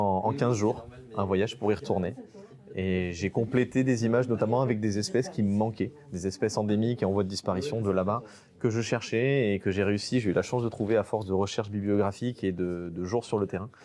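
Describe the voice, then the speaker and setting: A man's voice: fairly low pitch, a little mellow. A man from French Guiana, a nature photographer, talking casually in an interview with many fillers and restarts.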